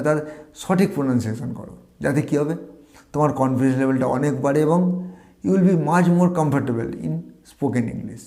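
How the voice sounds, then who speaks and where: Male tutor, Bengali native, fairly high yet mellow voice, teacherly drills and questions. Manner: drills words syllable by syllable, asks viewers questions. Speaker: English pronunciation tutor. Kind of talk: teaching lesson to viewers.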